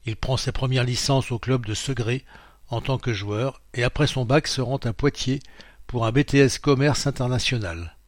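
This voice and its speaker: Male reader, mid pitch, plain dry studio sound; reads articles aloud, calls out pages and quote marks. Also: moderate pace, no echo. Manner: reads out quote marks and page numbers, steady informative delivery. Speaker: magazine reader. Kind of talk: read-aloud narration of a printed magazine.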